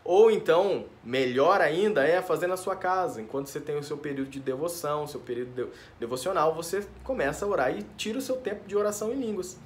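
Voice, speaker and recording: A Brazilian man delivers a sermon in a relaxed, talky way, often tossing in little tag questions. His voice sits a bit high for a man. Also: quick pace, hardly any pauses. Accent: Brazilian Portuguese. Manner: informal, tag questions, addresses listeners as dear ones. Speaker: pastor. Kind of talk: conversational sermon.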